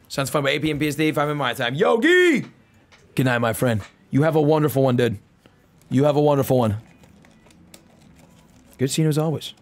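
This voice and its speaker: A young man chatting casually to livestream viewers in slangy, bro-heavy talk, swinging from low asides to loud, excited hype calls. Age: young adult. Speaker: live streamer opening card packs. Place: indoor streaming room at home.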